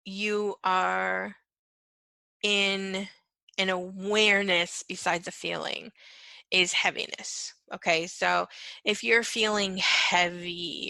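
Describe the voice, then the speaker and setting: A woman coach explains her ideas in a chatty, conversational way, leaning on "okay?" and "right?" to check in with her listener. Her voice is bright with a gravelly edge, and the sound is dry and close. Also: mid-range voice, no room sound. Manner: soothing, repetitive chanting of phrases, fading to a whisper. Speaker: spiritual coach. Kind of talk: guided clearing meditation and teaching talk.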